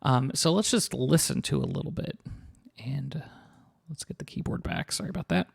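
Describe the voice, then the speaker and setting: A man with a hoarse, gravelly, scratchy voice reviews a sample library in a casual product walkthrough. He speaks at medium pitch and normal speed, relaxed and full of filler words, often restarting sentences.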